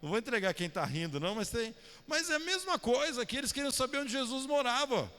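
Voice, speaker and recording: A man's voice: very high voice, very animated, fast talker, pushed and bright. A man preaching a sermon, firing questions at the congregation and calling on listeners by name. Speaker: pastor. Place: church hall. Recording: long church hall reverb.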